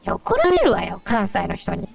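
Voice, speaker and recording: A teenage girl in a scripted comedy duo, asking questions and reacting in drawn-out replies. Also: medium pitch, wildly swooping pitch, vocal fry, a loud crowd. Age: teens.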